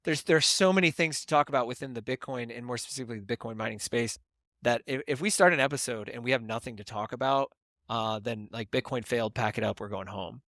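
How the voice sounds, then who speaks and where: Male podcast co-host, mid-pitch, explanatory and chatty, dry recording. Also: quick pace, fairly bright tone, no echo. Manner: explains at length, keeps checking with "right?". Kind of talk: casual podcast chat.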